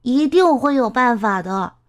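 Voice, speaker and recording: A woman's voice: fairly high pitch, lively intonation, measured pace. A woman voicing a cheerful, helpful animal friend in a children's storybook, sounding eager and encouraging.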